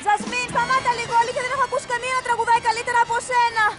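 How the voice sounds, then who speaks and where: A woman's voice: very high-pitched, flat delivery, over music. A woman dubbing a blunt, fiery young seamstress in a telenovela. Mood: pleading. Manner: blunt, flares into threats. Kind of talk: Greek TV dub of a telenovela.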